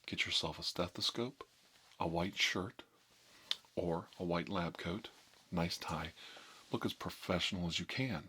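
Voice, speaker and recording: An ASMR video host, a man, gives a tongue-in-cheek ASMR tutorial while playing a mock doctor. His low-pitched, husky voice is slow and deliberate, with a deadpan delivery.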